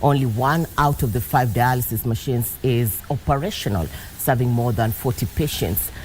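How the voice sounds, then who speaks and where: A woman's voice: a bass voice, moderate pace, a little mellow, slight background noise, rough recording. A female news anchor with a Kenyan accent, presenting a broadcast bulletin.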